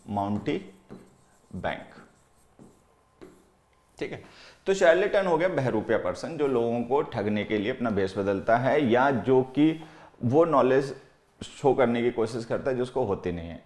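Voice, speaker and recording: A man with an Indian English accent gives a vocabulary lesson, mixing Hindi and English. He reads example sentences slowly and repeats "theek hai" as he writes. His middle-pitched voice sounds roomy and echoey. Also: a little mellow. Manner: keeps saying "theek hai" while writing on the board. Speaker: English teacher. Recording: echoey room.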